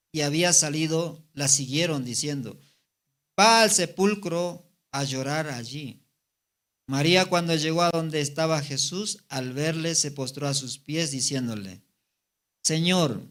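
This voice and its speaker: A man's voice: fairly high pitch, a bit bright. A man preaching a Sunday sermon, reading scripture aloud and breaking in with rhetorical questions to the congregation. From Bolivia. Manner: voice rises and slows for the quoted words. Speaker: evangelist preacher.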